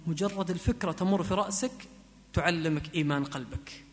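A man preaching a sermon, chanting verses slowly and moving between soft pleading and emphatic exhortation. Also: sits high. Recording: long hall reverb.

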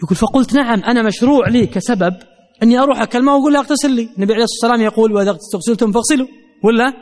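A man's voice: extremely high pitch, racing, in a large hall. A man preaching a sermon, telling a story and earnestly addressing his listeners directly.

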